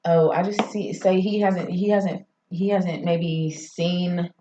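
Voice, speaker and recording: A woman's voice: fairly low pitch, steady tone, slow pace, noisy background. A woman from Arkansas, a guest on a podcast, talking in a reflective, rambling, casual way. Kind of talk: casual chat. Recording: roomy, slightly muffled podcast audio.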